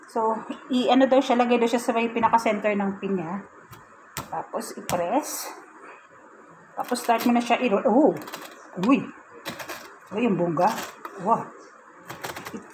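A woman's voice: on the high side, noisy background. A woman chatting casually in a home kitchen vlog, giggly and self-mocking. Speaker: vlogger.

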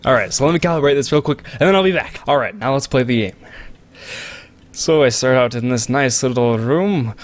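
A let's play commentator with a brisk, medium-pitched male voice casually talks over a game into a close desk microphone, joking and rambling to his viewers.

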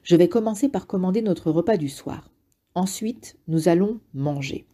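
A weary old man who guides his young successor, speaking firmly and without fuss, voiced by a woman reading an audiobook. His tone is dark and soft, and he keeps it steady. It suits a quiet, heavy scene in a storybook. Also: moderate pace. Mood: subdued. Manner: firm, low-key. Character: weary old male mentor, firm and calm.

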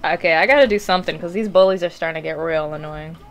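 This young woman talks fast in a voice on the low side. She streams a video game from a small room at home, wearing a headset mic and giving casual let's play commentary. Chatty and easily distracted, she throws in some swearing and laughter now and then.

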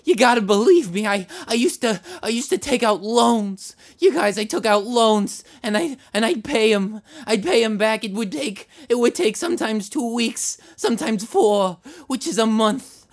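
A man's voice: sits high, animated, moderate pace, few pauses. An actor voicing a desperate, rambling cartoon man who pleads to be believed, repeating himself and stumbling over restarts. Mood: pleading. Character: rambling desperate man insisting on his identity. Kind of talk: animated short voice acting.

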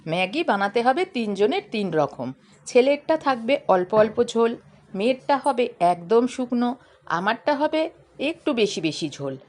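Chatty hoarse woman vlogging her day. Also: on the high side, sing-song, moderate pace, darkish tone. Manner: chatty, talks straight to viewers. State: hoarse with a cough. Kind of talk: casual daily vlog narration.

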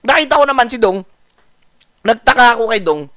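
A man's voice: extremely high pitch, fairly quick, no echo, clean studio sound. A man from the Philippines telling a story in a casual vlog, acting out the dialogue and repeating lines. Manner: animated, acts out dialogue with repetition. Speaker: vlogger.

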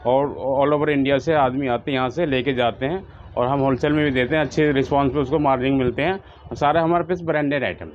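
A man's voice: medium pitch, fast. Man rattling off wholesale prices. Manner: steady salesman patter, reeling off prices and brands. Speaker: wholesale shopkeeper. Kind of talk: sales pitch for a shop tour. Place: small crowded shop indoors. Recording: slightly dull, faint background hum.

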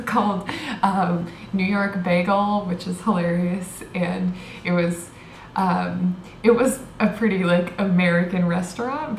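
A young woman in her twenties chatting casually to a handheld camera in a small hotel room, rambling with lots of fillers and little laughs. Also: lowish voice. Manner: rambling, filler-heavy, giggly. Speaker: vlogger. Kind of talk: casual vlog chat. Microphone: handheld camera close up. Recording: roomy hotel room sound, faint hiss.

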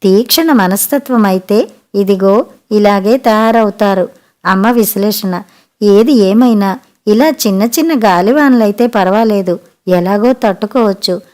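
A woman narrating a family story for an audiobook in an expressive, measured way. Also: mid-range voice.

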